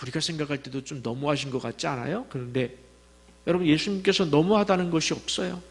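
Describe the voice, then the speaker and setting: A man with a high-pitched voice preaches a sermon in a church sanctuary. His delivery swings from booming declarations to hushed, intimate asides, and the long reverb of the hall hangs after each phrase. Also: fast. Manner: dramatic, shifts from booming quotes to hushed asides. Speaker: pastor.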